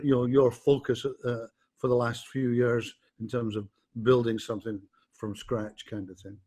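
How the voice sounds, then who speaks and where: A man hosting a podcast interview, asking long, rambling questions full of fillers and restarts. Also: mid-range voice. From not from Canada. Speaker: podcast host.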